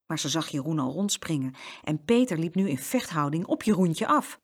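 A woman reading a children's story aloud as narrator, with expressive storytelling. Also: low-pitched, normal speed.

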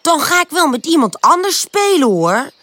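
A woman's voice: moderate pace, a little hiss or hum. A woman doing an eager squealing puppy girl. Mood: huffy. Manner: high excited childlike squeals. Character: eager playful little female puppy.

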